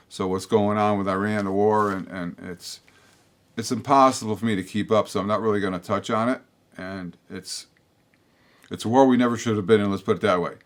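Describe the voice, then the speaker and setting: A fairly low-voiced older man hosts a local public-access opinion show, speaking bluntly to camera in a meandering monologue. He keeps restarting and slipping into asides, and a throat tickle makes his voice slightly hoarse.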